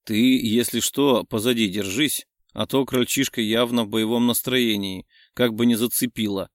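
A man voicing a gruff, teasing young man who grumbles in a lowered voice. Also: steady tone, normal speed, no echo, studio quality, close to an everyday voice. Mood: grumbling.

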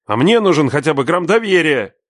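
A man's voice: on the low side, fairly quick, no room sound, clean studio sound, lightly acted. A man voicing a grown son who answers his father with terse, bitter retorts in an audiobook reading. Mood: defiant. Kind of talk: audiobook narration.

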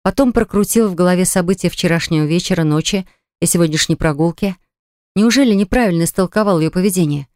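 A woman's voice: lowish voice, fast talker, darkish tone, no room sound. Woman narrating an audiobook, dry sound. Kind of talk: scripted narration.

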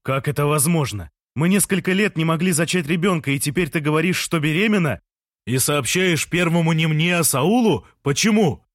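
A man voicing Jean, an excitable, slow-witted man who shouts questions and announcements, in an audiobook. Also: mid-range voice, dry recording, clean studio sound, close to an everyday voice. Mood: bewildered shouting.

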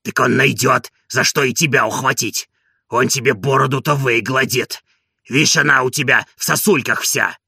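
Hoarse old servant a guy voices, raspy gravelly, sharp tone, grumbly and proud. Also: mid-range voice, fairly even intonation, normal speed, dry recording, clean studio sound, exaggerated voice. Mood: indignant. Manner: indignant, boastful. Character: hoarse, devoted old male servant, easily angered.

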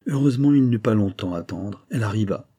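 A man narrating a classic novel as an audiobook, in a slow, measured reading style. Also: fairly low pitch, animated, warm tone, breathy edge.

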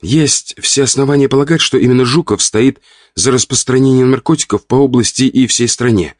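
A man reading an audiobook, voicing an indignant, sharp-tongued countess of about forty. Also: medium pitch, fairly quick, no echo, studio quality, pitched above the performer's own voice, close to an everyday voice. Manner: huffy, pleading, indignant.

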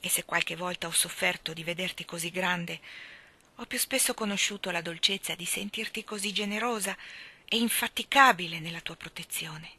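A woman voicing a young father who pleads humbly and earnestly with a fairy, in a quiet storybook reading. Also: fairly low pitch, moderate pace, slightly rough, exaggerated voice. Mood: tender.

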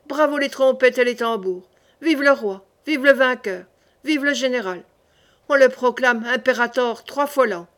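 A woman's voice: a little high, a bit bright, natural voice. A woman reading the part of a rash, boastful young king in an audiobook, declaiming in bursts.

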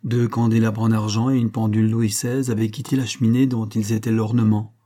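A man reading a story aloud in measured narration, raising his voice for the characters' quoted lines. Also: fairly low pitch, level tone, mellow. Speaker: audiobook reader. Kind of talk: scripted narration.

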